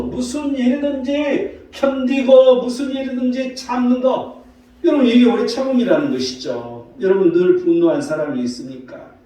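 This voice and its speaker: High-voiced pastor preaching in an echoey church. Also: male voice, mellow. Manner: preaching with rhetorical questions and scripture citations. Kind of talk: Sunday morning sermon. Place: church sanctuary. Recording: very echoey hall from far off.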